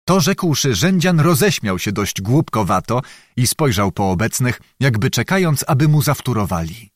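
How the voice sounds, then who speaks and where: In a clean studio recording with no room sound, a man narrates an audiobook from a script. His pitch is medium and his pace moderate, and he tells the story expressively.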